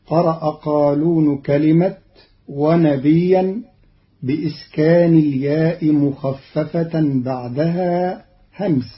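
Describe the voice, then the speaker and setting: A man giving a scripted radio explanation of Quran readings in a measured, deliberate and formal way. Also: a little high, steady tone. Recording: dull lo-fi radio archive.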